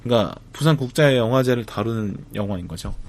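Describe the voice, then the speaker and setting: A man, talking to camera about a film festival trip in a reflective, casual way, with frequent pauses, fillers and restarts. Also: mid-range voice, darkish tone. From Busan, South Korea. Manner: thoughtful, hesitant, many fillers and restarts.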